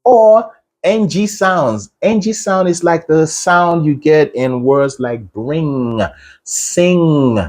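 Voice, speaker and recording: A man's voice: on the high side, slow pace, darkish tone. A man teaching a singing lesson as a vocal coach. He explains patiently and checks in with the listener. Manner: patient, checks in with "right?" and "okay?".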